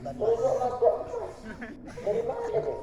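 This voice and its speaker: A man giving a lively, humorous sermon at a school religious gathering, telling stories and speaking straight to his listeners. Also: very high-pitched, moderate pace, a crowd in the background. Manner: jokey, storytelling, addresses the audience directly. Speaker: Islamic preacher. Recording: echoey room, distant mic, dull lo-fi.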